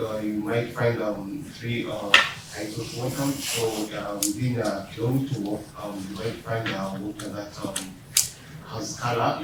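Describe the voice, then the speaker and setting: A man sharing a story in a workshop discussion, halting and full of fillers. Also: fairly low pitch. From Tanzania. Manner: halting, many "um"s. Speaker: workshop participant. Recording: echoey room, distant mic, background noise.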